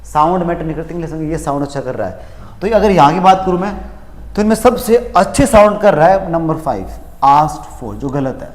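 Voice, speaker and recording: Male Indian-accented English coach, fairly high voice, lively lecturing, echoey classroom with long reverb. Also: moderate pace. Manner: lively, addresses students as kids, mixes English terms into Hindi. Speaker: English teacher.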